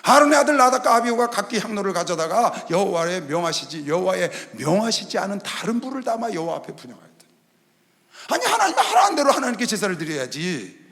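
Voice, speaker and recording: A man preaching a Sunday sermon as pastor, animated, voicing God and Moses in lower tones. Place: large indoor arena hall. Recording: long reverb of a large arena hall.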